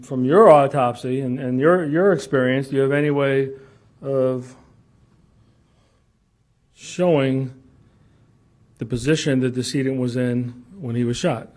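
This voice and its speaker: Halting male lawyer in a courtroom recording. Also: medium pitch, darkish tone. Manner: halting, repeats words, pressing questions. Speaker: defense attorney cross-examining. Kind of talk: courtroom cross-examination.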